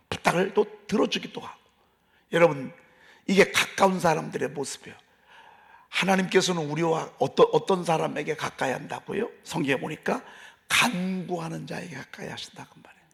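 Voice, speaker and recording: A man's voice: fairly high pitch, moderate pace, gravelly, a bit bright. A male pastor preaching a dawn service sermon in a folksy, emphatic way, repeating phrases and asking the congregation questions. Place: church sanctuary.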